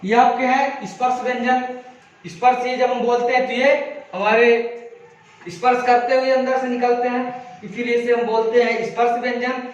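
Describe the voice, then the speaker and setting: A man's voice: very high voice, little pitch movement, moderate pace. A man teaching a grammar lesson, drilling sounds one by one and asking the class questions, then answering them himself. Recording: echoey room, mic far, dull sound.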